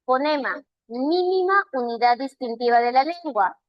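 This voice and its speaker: A woman's voice: sits high, animated, moderate pace, no room sound, dull audio. A Peruvian woman, a language teacher giving an online class, explaining step by step and checking in with her students. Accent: Peruvian Spanish. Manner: patient, explains step by step with frequent check-ins.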